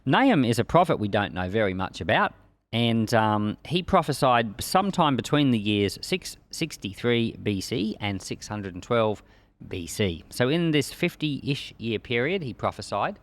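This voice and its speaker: A man reads from the Bible and gives an informal expository sermon, preaching in an emphatic, conversational way. His medium-pitched voice swings widely in pitch at a moderate pace, with no echo.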